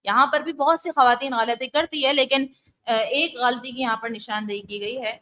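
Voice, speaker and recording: A woman teaching Quran recitation in an Urdu lesson, explaining mistakes and reciting Arabic phrases slowly and drawn out. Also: sits high, fairly even intonation, pushed and bright.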